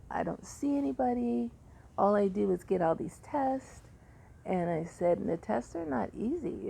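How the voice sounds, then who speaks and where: A woman's voice: mid-range voice, creaky, dark tone, breathy edge. An older woman casually telling the story of her hospital stay, rambling and conversational with many fillers. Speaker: patient sharing her story. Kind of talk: casual personal update.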